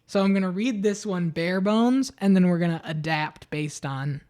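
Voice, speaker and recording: A woman's voice: lowish voice, normal speed, a little mellow. A woman streamer reading a story aloud and chatting casually between passages. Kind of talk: casual chat and storybook narration.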